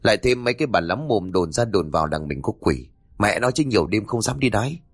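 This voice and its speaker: A man's voice: fairly low pitch, big pitch swings, fast, breathy edge, heavily acted. A man voicing a nervous young male thief in a spoken horror story, uneasy and fretful. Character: jittery young male thief, easily scared.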